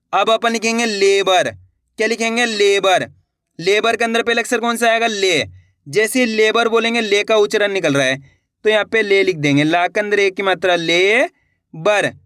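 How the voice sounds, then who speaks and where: A man teaching beginners to spell Hindi words, slowly sounding out each syllable and repeating every word. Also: sits high, fairly bright tone, clean tone, no echo, clean studio sound.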